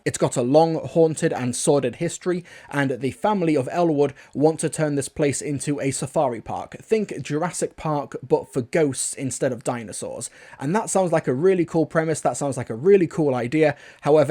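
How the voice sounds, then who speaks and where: Host reviewer, male, casual and repetitive, warm mellow tone. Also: fairly high pitch. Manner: chatty, repeats phrases like "really cool". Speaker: audio drama reviewer.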